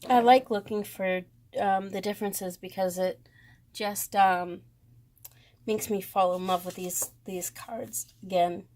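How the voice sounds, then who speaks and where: A woman with a Boston accent, talking slowly through a tarot deck comparison with many pauses and fond praise. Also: mid-range voice, steady tone, a little mellow. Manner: slow, hesitant, lots of ums, gushing. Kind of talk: casual deck walkthrough.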